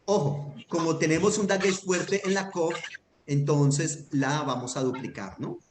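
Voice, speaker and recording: A man whose voice is on the high side speaks unhurriedly while teaching an online Hebrew grammar lesson. Patient and methodical, he keeps checking that his student understands. The recording carries echo and faint noise.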